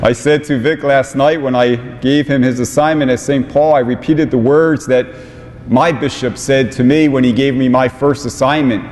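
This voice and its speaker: A man in his forties, a bishop giving an ordination homily in a large cathedral, speaking in a slow, measured way through a lapel mic. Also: steady tone. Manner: slow, measured delivery with warm asides. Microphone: small lapel mic on vestments. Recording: long cathedral reverb, faint rumble.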